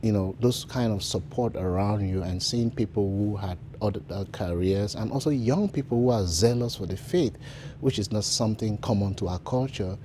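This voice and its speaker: A man from Cameroon, a seminarian, telling his vocation story in an earnest, reflective way with frequent pauses and fillers. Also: fairly low pitch, dark tone, a little hiss or hum. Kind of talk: personal vocation testimony.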